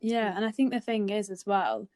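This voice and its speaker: A woman's voice: mid-range voice, animated, moderate pace, a little mellow, dry recording. A woman in her twenties from Cheshire, co-hosting a casual podcast chat in an earnest, self-deprecating way. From Cheshire, England. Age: 20s. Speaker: podcast co-host.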